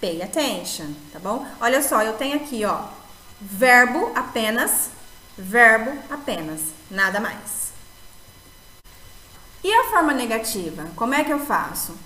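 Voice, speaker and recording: A woman teaching an English grammar lesson in Brazilian Portuguese, explaining slowly and repeating points with a checking "tá?". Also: on the high side, sing-song, pushed and bright, echoey room, low-quality recording. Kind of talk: recorded video lesson.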